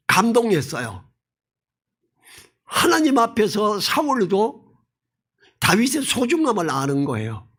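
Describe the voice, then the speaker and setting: A male pastor giving an expository sermon in a lively, conversational way, mixing in stories from his own life. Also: sits high, slightly rough. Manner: animated, personal storytelling; colloquial, conversational preaching.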